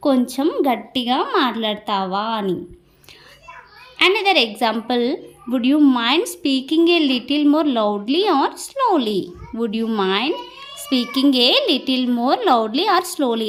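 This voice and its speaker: A woman with a Telugu accent teaching spoken English, reading each example slowly and then explaining it quickly in Telugu. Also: a little high, a bit bright, a little hiss or hum.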